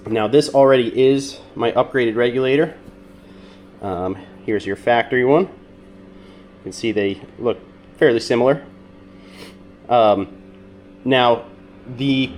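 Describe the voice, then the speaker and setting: Man, nasal and stuffed-up, relaxed how-to talk, middle pitch, faint background hum. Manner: relaxed, step-by-step, with frequent ums and uhs. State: sick, congested. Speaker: mechanic demonstrating a repair. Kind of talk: casual how-to demonstration.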